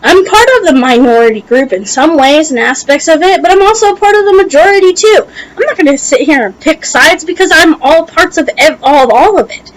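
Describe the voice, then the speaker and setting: High-pitched young American woman, tongue-ring-impeded speech, allergies. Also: expressive, brisk, low-quality recording. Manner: heated, emphatic, casually profane. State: allergies making it hard to talk. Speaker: video blogger. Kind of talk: opinionated reaction rant to camera.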